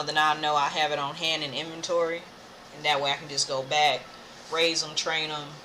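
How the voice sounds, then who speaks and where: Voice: medium pitch, pushed and bright, slight background noise. An American game streamer thinking aloud in casual, playful commentary while playing. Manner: playful, hums filler tunes, reads game text aloud. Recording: game music behind the voice. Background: video game music.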